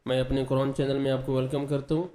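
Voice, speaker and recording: A man teaching Quran recitation, spelling out letters with their vowel marks slowly, then explaining rules quickly, and chanting verses in long drawn-out tones. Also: mid-range voice, little pitch movement, mellow, roomy sound. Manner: draws out recited words in slow chant.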